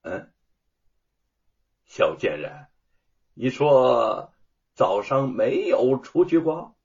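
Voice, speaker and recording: A pompous old master of the house barks and bellows with suspicion, as a male storyteller acts him out. His voice jumps sharply upward when he shouts. The sound is dull and lo-fi. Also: medium pitch, sing-song, extremely slow, gravelly, exaggerated voice. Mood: furious. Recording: dull lo-fi audio.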